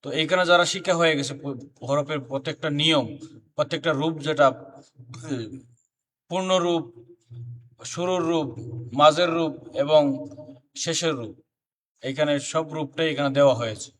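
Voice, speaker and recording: A man's voice: fairly high pitch, moderate pace, long pauses, fairly bright tone, recorded from a distance, a little hiss or hum. A man teaching a beginner Quran reading class, chanting letter names one by one and explaining the letter forms. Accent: Bangladeshi Bengali.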